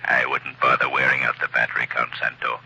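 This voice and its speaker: An actor playing the Shadow, a mysterious invisible male crime-fighter who speaks calmly and menacingly, in 1940s radio acting style. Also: rumbling low, creaky, breathy edge, highs cut off, heavily acted. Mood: commanding. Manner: calm, menacing, measured.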